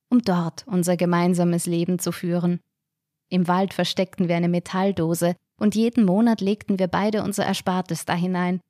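A woman reading a short story aloud in a calm, measured way. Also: on the low side, no room sound, studio quality. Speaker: narrator.

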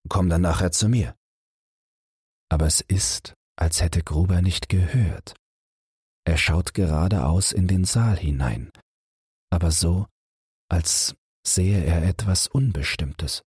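Male audiobook narrator for bedtime listening: deep, husky, slow, gentle and measured. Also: no room sound, clean studio sound. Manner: measured, gentle, unhurried storytelling. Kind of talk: calm bedtime audiobook reading.

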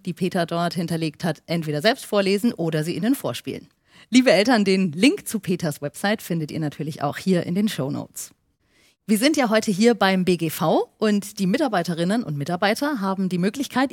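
A woman hosts a podcast in a friendly way, guiding the interview with clear questions. Her voice is mid-pitched and recorded dry and close. She sums up her guest's points plainly. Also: a little mellow, no room sound. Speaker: podcast host.

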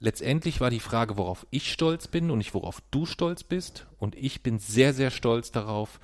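A middle-aged man from Germany in a relaxed family discussion, talking at an average pitch with a teasing, argumentative edge. He likes to act out the quotes of others as he makes his point. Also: moderate pace. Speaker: father. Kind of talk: casual family conversation.

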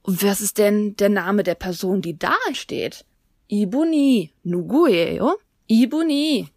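A woman teaching beginner Korean in a relaxed podcast lesson, pausing to model phrases slowly and clearly. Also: mid-range voice, no echo. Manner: explains patiently, slows down to model Korean phrases.

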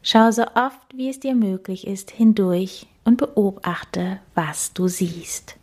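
A woman voicing a kind female whale in a storybook, with a warm and gentle voice. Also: medium pitch, slow pace, husky.

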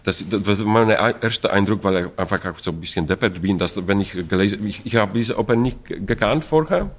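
With a lowish voice and a slightly fast pace, this opera stage director, a middle-aged man from Poland whose native language is Polish, discusses an opera production in an interview. He speaks with a Polish accent, gropes for words with lots of fillers and restarts, and laughs often.

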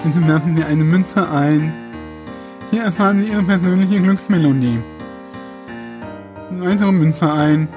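A man voicing an automated coin-operated fortune and weighing machine, giving slow, flat, polite commands in a played-in clip. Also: fairly high pitch. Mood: mechanical. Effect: machine announcement voice played in as a clip. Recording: distant clip over piano music.

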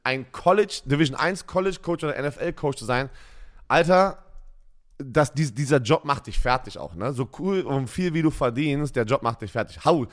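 Animated German man telling stories. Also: medium pitch, moderate pace. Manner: animated storytelling, laughs a lot. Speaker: podcast co-host, former football player. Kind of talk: casual sports chat.

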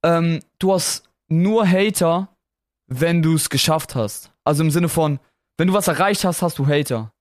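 Excitable, slangy young man with a dry sound. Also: on the high side, measured pace, dry recording. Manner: excitable, slangy, laughs often, switches into English words. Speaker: podcast co-host. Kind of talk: casual chat.

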